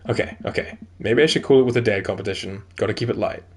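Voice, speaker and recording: A young man with a New Zealand accent, a gaming YouTuber, reads a video game's dialogue aloud and cracks jokes between the lines. His voice is fairly low and darkish with a breathy edge, and he talks fast.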